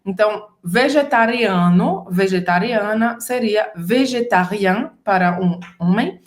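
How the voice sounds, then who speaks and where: A woman's voice: mid-range voice, unhurried. A Brazilian woman with a Brazilian Portuguese accent, co-teaching a casual French lesson and explaining pronunciation step by step. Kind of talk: casual bilingual language lesson.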